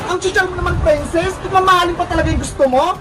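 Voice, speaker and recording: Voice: very high voice, steady tone, fast. A cartoon voice performer playing a kindly middle-aged woman shopkeeper who exclaims and scolds but gives in. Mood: scolding. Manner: scolding yet soft-hearted, exclaiming. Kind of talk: animated cartoon dialogue. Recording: cartoon track with music and crowd noise. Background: music and crowd sounds.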